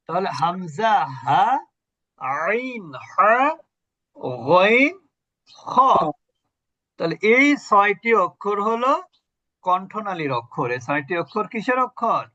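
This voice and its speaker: Male Quran recitation teacher, patient, quizzes students; high voice, dry, dull audio. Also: lively intonation, slow pace, long pauses, pushed and bright, no echo. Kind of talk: online tajweed lesson.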